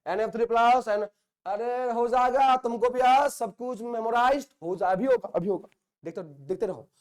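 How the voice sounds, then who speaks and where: A man from India teaching chemistry to a class, his voice sitting very high for a man. He teases and scolds the students in a playful way and repeats key phrases again and again to drill them in. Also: normal speed, clear, resonant tone. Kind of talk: classroom lecture.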